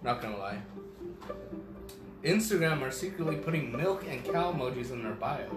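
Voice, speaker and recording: A man's voice: mid-range voice, expressive, normal speed. Guy co-host reading dumb posts, swears, laughs, roomy echo, music going. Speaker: podcast co-host. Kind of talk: casual rant chat, reading posts aloud. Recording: echoey room with music.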